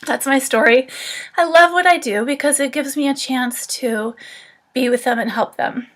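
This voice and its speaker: A woman in her forties talks straight to the camera in her room, telling a personal story in an unscripted vlog. Her voice sits a little high, and she is earnest and reflective, with "um"s scattered through. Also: moderate pace, a bit bright. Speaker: animal communicator. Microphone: camera or phone facing her.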